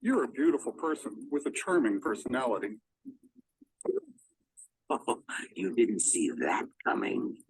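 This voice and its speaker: A man speaking in a short clip played during the class, slow and teasing. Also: on the low side, wildly swooping pitch, gravelly, husky, no echo, heavily acted, low-quality recording.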